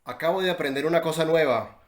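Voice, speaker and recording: A man's voice: a little high, fast talker, soft background music. A Colombian man hosts the conversation and asks curious questions. He often hesitates and repeats small words while he looks for the next one. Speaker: interviewer. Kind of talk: conversational interview.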